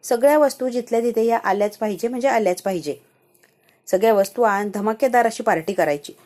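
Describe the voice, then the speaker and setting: A loud, insistent older father barking orders again and again, put on by a woman narrator. He pushes each command higher and harder, and his voice is mellow and soft-edged underneath. He stays bossy and scheming. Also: brisk, natural voice. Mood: bossy, shouting.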